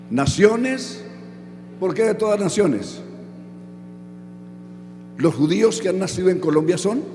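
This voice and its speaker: A man's voice: a little high, darkish tone. A man preaching a sermon who keeps asking the audience questions and then answers them himself. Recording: echoey hall with music underneath.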